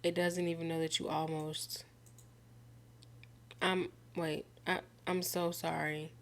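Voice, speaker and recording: Slow, low-voiced woman gamer reading aloud. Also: flat delivery, fairly bright tone. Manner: casual, slangy, incredulous reactions and laughs. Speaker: gaming streamer. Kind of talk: let's-play commentary, reading game text aloud.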